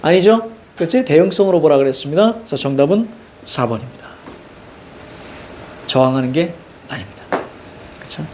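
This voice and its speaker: A man's voice: on the high side, expressive, normal speed, pauses often, a little mellow, slight background noise. A middle-aged male teacher explains a story to students, marking up the text and asking rhetorical questions. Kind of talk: literature lecture.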